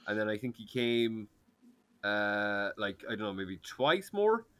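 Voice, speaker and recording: On a podcast, a male co-host with an Irish accent chats loosely, rambling and hesitant, full of fillers and restarts. His voice is lowish, sing-song and smooth, with a fairly bright tone and a slightly slow pace.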